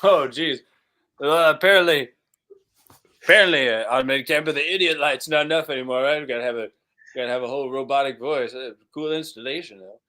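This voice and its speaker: A male improv comedian playing a worn-out working man, with a bright, forceful tone. His lines come earnest and halting, stumbling over restarts as he plays the scene. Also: medium pitch. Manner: earnest, halting character talk.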